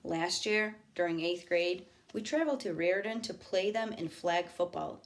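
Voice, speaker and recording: A woman teacher reading a novel aloud to her students, expressive, pausing for asides to the class. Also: fairly low pitch.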